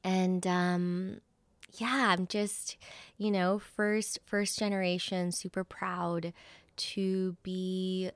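Woman, thirties, from El Salvador, reflective, soft-spoken, lowish voice, dry sound. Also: flat delivery, extremely slow, smooth, no room sound. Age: 30s. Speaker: podcast guest, wellness practitioner. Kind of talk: casual conversation.

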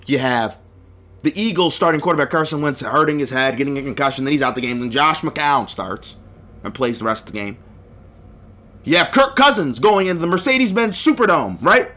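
A man's voice: on the high side, bright, forceful tone. A young man hosting a solo sports podcast, talking emphatically and getting heated, repeating phrases for punch. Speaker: podcast host.

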